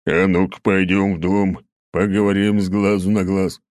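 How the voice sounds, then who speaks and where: A man voicing a towering, stern old prince who scolds slowly in a booming voice. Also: level tone, a little mellow, no room sound, clean studio sound, close to an everyday voice.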